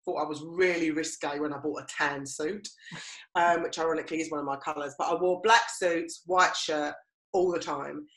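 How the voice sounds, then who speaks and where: Low-pitched and fairly bright, her voice keeps a fairly even intonation at a normal speed. She's a middle-aged woman from Romford, Essex, co-hosting a podcast in her Essex accent and chatting through personal stories, recorded with a roomy, echoey sound.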